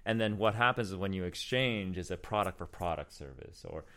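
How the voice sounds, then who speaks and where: A man's voice: low voice, lively intonation, a little fast, a bit bright, clean tone. A man hosting a casual interview, explaining at length in a rambling way with many restarts. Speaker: host.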